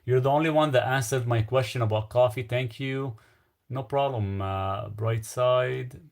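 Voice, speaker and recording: A man with a Lebanese accent speaks in an unhurried, creaky voice of medium pitch while hosting an informal live stream. Reading viewer questions aloud, he answers loosely and rambles, letting thoughts fade out with fillers.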